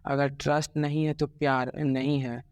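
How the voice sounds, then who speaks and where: A young man talking in a halting, regretful way about his heartbreak in a personal vlog, with many pauses and restarts. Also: on the high side, flat delivery, dry recording. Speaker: vlogger.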